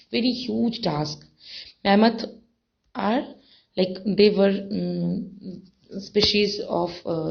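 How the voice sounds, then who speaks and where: A woman teaching an English textbook lesson, reading passages aloud and explaining words slowly, with many fillers and repetitions. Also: medium pitch, vocal fry. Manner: slow, repeats and defines words, many fillers. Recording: dull lo-fi recording.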